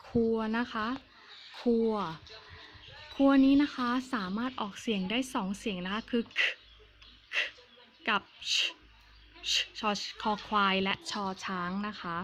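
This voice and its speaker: A woman giving a pronunciation lesson, speaking clearly and carefully and repeating each example word twice. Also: mid-range voice, moderate pace. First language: Thai. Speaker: language teacher. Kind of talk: slow, patient pronunciation lesson.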